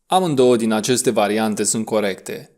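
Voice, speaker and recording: A man leading an audio lesson on English pronunciation. He gives quick instructions and then draws out the model words slowly. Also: lowish voice, darkish tone. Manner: slow, drawn-out model words between brisk instructions.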